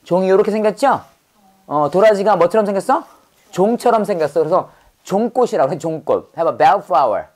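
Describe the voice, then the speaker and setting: Low-voiced woman drilling English vocabulary. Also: lively intonation, a little mellow. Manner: brisk, repetitive drilling with quick questions. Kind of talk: call-and-response vocabulary drill lesson.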